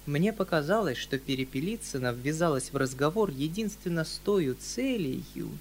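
A man reading classic literary narration in a calm, even, slightly ironic way. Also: on the high side, normal speed, a little hiss or hum. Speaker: audiobook reader.

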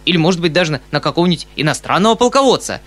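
A man voicing an excitable, kindly old colonel. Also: a little high, racing, voice pushed up. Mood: excited. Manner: loud exclamations, eager and fussy. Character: excitable kindly retired colonel, middle-aged, eager. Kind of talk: audiobook character reading.

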